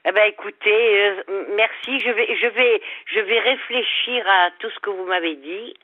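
A woman's voice: medium pitch, no room sound. Older Southern French woman on the phone. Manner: hesitant, repeats words, halting. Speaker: caller. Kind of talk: radio call-in. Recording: phone line.

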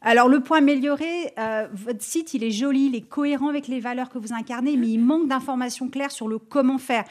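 A woman working as a business advisor, giving clear, structured feedback on a radio show. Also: sits high. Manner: clear, structured, quick to laugh.

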